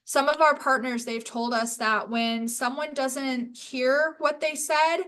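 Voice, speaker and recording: Woman trainer with a high voice, casual and chatty, speaking over a video call. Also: steady tone, takes it slowly, a bit bright. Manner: casual, chatty, self-correcting with light laughs. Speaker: workshop instructor. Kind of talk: live training presentation.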